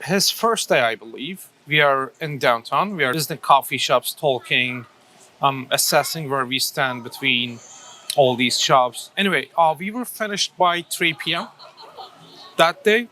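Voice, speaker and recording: A man's voice: medium pitch, a little slow, sharp tone, slight background noise. A man from Turkey in his thirties, a coffee shop owner answering interview questions thoughtfully, with many fillers and restarts.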